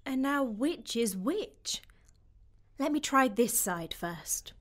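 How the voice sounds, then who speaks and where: Woman as Alice, a high-voiced curious little girl. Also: sing-song, unhurried. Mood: puzzled. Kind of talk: audio drama acting.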